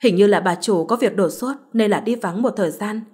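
A woman voicing a scheming housemaid and mother who speaks softly and apologetically, in a husky voice. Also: medium pitch, a little fast, natural voice. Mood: soothing lie. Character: scheming older housemaid, mother full of remorse.

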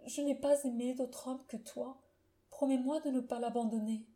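A woman's voice: high-pitched, steady tone, moderate pace, mellow, lightly acted. A woman voicing a dying young woman, faint and pleading. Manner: breathless, pleading.

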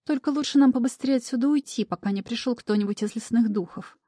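A woman voicing a calm, kind young girl of the forest, speaking in a gentle, reassuring manner. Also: on the high side, fast, dry recording, studio quality, pitched above the performer's own voice, lightly acted.

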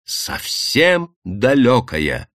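A man reads a classic short story aloud in a slow, dramatic manner. His pitch moves widely through each sentence. The recording is close and dry. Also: wildly swooping pitch, a bit bright, no room sound. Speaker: audiobook narrator. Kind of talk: literary audiobook narration.

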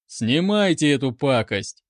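Man playing an arrogant officer, mocking, commanding, drawn-out delivery, slightly raised voice. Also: a little high, very animated, no room sound, studio quality.

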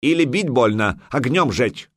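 A gruff, menacing interpreter, put on by a male narrator, who snaps out short, broken questions in a higher, slower voice with a lively, swinging pitch. It sounds close and completely dry, with no room around it. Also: no room sound. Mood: demanding. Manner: broken halting speech, barked demands.

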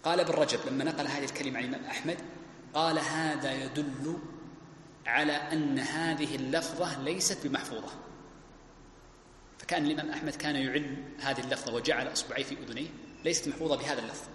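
A man's voice: medium pitch, steady tone, fast talker, a bit bright. A man teaching a classical religious text, explaining point by point and repeating key phrases. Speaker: Islamic scholar teaching a text. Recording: echoey hall with faint background noise.

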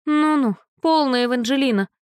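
A woman's voice: fairly high pitch, very animated, moderate pace, no echo, studio quality, voice pushed up. A woman voicing a carefree young woman who speaks in a lazy, breezy drawl. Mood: lazy, amused.

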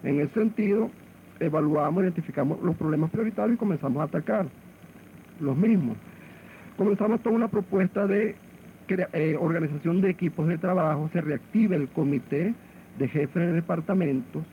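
A man with a Venezuelan accent, a hospital director interviewed on AM radio, halting and repeating words as he searches for them. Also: fairly high pitch. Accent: Venezuelan Spanish. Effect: AM radio broadcast sound. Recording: muffled AM radio with faint hiss.

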